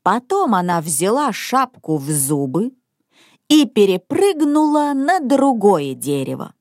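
A woman reading a children's story aloud in an expressive, unhurried manner. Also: mid-range voice, no echo, studio quality.

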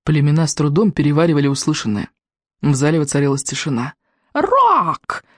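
An audiobook narrator telling a story with expressive delivery. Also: mid-range voice, fast, no echo, studio quality. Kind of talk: scripted narration.

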